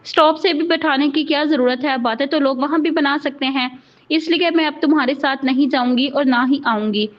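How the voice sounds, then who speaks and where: A woman voicing a defiant, sharp-tongued young wife in a storybook reading, with tart retorts. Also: high voice, steady tone, moderate pace, close to an everyday voice. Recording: dull lo-fi recording.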